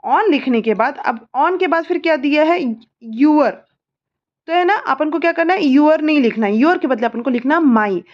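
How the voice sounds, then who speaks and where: A mother with an Indian accent helps her child through a homework lesson, spelling words out letter by letter and slowly repeating the answers. Her voice sits high and sounds animated, and the recording has a lo-fi quality.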